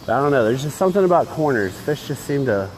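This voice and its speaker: A man with a middling-pitched voice talks casually under a bridge outdoors. He rambles informally like a fishing streamer, with modest, opinionated asides. Faint ambient noise runs behind him on the phone recording. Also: very animated, fast talker, rough recording. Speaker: fishing livestream host. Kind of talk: casual chat while fishing.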